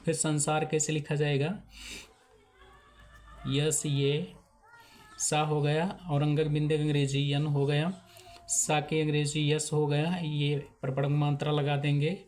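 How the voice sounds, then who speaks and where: A man teaching name spellings step by step, in a slow, repetitive way. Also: fairly high pitch, completely flat delivery, darkish tone. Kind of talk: handwriting lesson.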